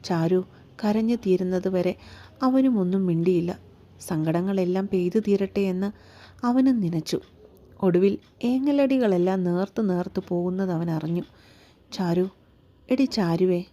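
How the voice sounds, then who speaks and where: A woman narrating a romance story in a calm, measured storytelling manner. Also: lowish voice. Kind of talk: scripted narration.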